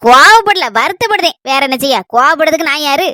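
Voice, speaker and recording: A woman acting a village woman in a comedy skit, with a Kanyakumari Tamil accent, who pleads and scolds with animated energy. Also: high voice, fast, no echo, studio quality. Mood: upset. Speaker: skit actress.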